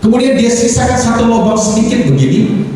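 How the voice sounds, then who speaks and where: A man's voice: extremely high pitch, a little fast, mellow, a little hiss or hum. A man with an East Javanese accent, a pastor preaching a sermon in storyteller fashion, who keeps calling on his listeners and acts out short bits of speech. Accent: Indonesian, East Javanese. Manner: storytelling preacher, addresses the congregation as "saudara", acts out voices. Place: large church hall. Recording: echoey church hall, mic from a distance.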